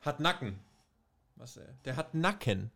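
A man's voice: mid-range voice, big pitch swings, measured pace, creaky, a bit bright. Joking man recapping wrestling. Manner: joking, acts out quotes in put-on voices. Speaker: host. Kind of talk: casual wrestling review recap.

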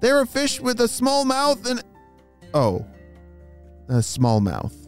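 Woman, kids' story host. Lively, swooping kindergarten-teacher delivery, sing-song and encouraging, music underneath. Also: fairly high pitch, slow pace. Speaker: children's story podcast host. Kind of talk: storytelling addressed to young children.

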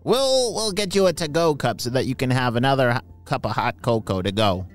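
A man's voice: medium pitch, expressive, fairly quick, soft background music, pitched below the performer's own voice, lightly acted. A man doing a polite helpful elf.

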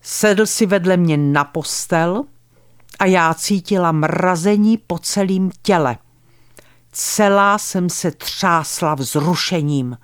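A woman's voice: no room sound, clean studio sound, lightly acted. Woman putting on a blunt, scornful old great-aunt. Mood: confiding. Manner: blunt, contemptuous, confiding in low tones.

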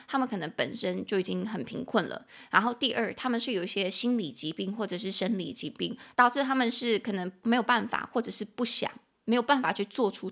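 Bright, gravelly-voiced woman teaching English. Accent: Taiwanese Mandarin. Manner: chatty and playful, spells out words slowly, bursts into high acted quotes. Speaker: podcast host teaching English. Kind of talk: casual English lesson podcast.

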